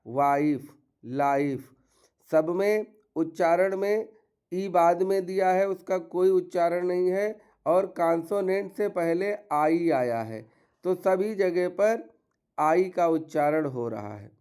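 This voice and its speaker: A man's voice: sits high, slow pace, a little mellow, clean tone. A man teaching English pronunciation rules, explaining step by step and listing example words. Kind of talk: classroom-style pronunciation lesson.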